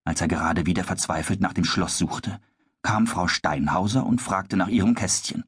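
A man narrating a children's story in a calm, measured storytelling manner. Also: low-pitched, breathy edge, no echo, studio quality.

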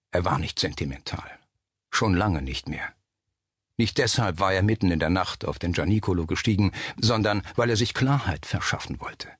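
A man reading a suspense novel aloud as narrator, measured and steady. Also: deep voice, husky, dry recording, studio quality. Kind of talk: scripted audiobook narration.

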